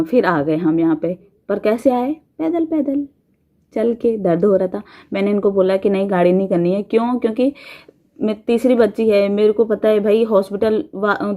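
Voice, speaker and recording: A woman's voice: on the low side, mellow. A woman from India, probably in her thirties, telling a personal story to her viewers in a chatty, rambling way with frequent laughs. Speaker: vlogger. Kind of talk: casual storytelling.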